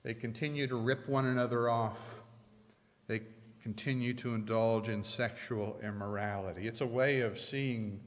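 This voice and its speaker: A middle-aged man preaching a sermon from a pulpit, measured and emphatic, leaning hard on key phrases. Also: medium pitch, steady tone. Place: church sanctuary at a pulpit. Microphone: pulpit microphones. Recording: long church reverb.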